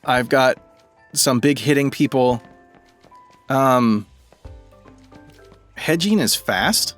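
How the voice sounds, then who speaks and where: Man, let's-play commentary, thinking aloud, rambling, mid pitch, soft game music. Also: very slow. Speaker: gaming video creator.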